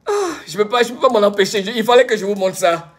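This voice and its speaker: A man hosting a live stream who chats casually with viewers, greets them by name, and teases them with bursts of excitement. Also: high-pitched, fast. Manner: exuberant, teasing, greets chat by name. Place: home in the United States.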